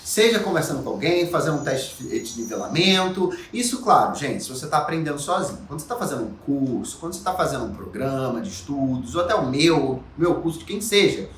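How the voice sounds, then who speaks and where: A man from Brazil teaching English to camera, animated, asking rhetorical questions and voicing the viewer's doubts. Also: fairly high pitch, a little fast, few pauses, slight background noise. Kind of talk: YouTube lesson to camera. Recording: echoey room, mic at a distance.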